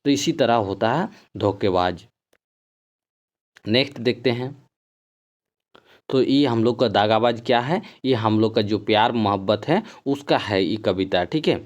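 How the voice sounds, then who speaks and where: A man's voice: fairly low pitch, a little slow, long pauses. A man teaches an exam-prep class, reading poem lines aloud and then explaining them, and he keeps repeating "ठीक है". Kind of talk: explaining poems in a recorded class. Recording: dull lo-fi sound.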